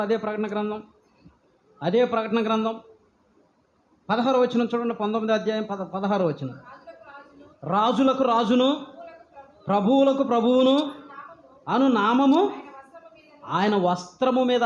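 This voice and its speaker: A man preaching a sermon, firing rhetorical questions at his listeners and drawing scripture out slowly. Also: very high voice. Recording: echoey, dull lo-fi sound.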